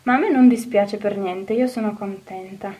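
A woman reading an audiobook, voicing a cheerful, eager little orphan girl who talks in a bright, earnest way. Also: mid-range voice, moderate pace, recorded from a distance, natural voice, rough recording. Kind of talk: audiobook character voice.

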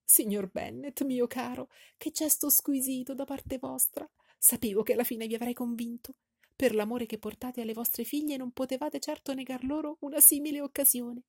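A fussy, excitable middle-aged mother who frets and gushes, her voice pitched up high and shrill, as a woman reader puts her on. The tone stays dark and a little husky underneath. It is recorded dry and close, like a studio audiobook. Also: moderate pace, dry recording. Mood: gushing. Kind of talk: audiobook character voice.

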